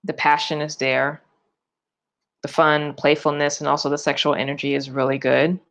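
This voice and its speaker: Chatty tarot reader with vocal fry. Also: mid-range voice, flat delivery, normal speed, fairly bright tone. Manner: chatty, loose, full of fillers and restarts; yawning often. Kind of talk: casual tarot forecast.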